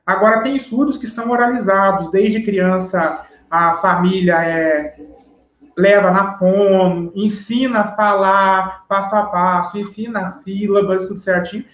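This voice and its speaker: A man's voice: high-pitched, fairly even intonation, measured pace, fairly bright tone. A man, a guest on an interview show, patiently explains step by step and often checks that he has been understood. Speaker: sign language teacher guest. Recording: roomy, dull live-stream audio.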